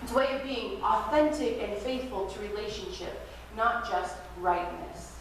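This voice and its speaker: A woman pastor preaching a sermon at a pulpit microphone in a church sanctuary, in a gentle, reflective way that invites listeners to practice. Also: medium pitch, unhurried. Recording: very echoey church hall, distant mic, faint hiss.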